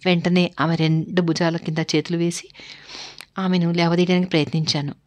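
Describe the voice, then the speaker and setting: A woman's voice: on the low side, brisk. Woman reading a story aloud. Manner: steady first-person storytelling. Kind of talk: storybook narration.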